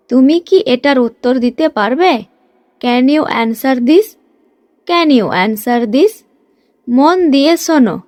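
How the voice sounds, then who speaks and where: Brief: high-voiced woman teacher, drilling short phrases in a dry close recording. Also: dry recording. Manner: reads each Bengali phrase briskly, then says the English slowly twice. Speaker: English teacher.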